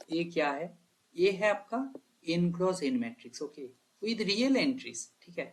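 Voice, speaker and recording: A man teaches maths in a voice that sits somewhat high for a man. He works through exam problems out loud, checking in with his students often. He stops to correct himself mid-thought. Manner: talks to students directly, "bhai" and "clear?", thinks aloud and corrects himself. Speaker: math teacher. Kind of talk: exam problem walkthrough lesson.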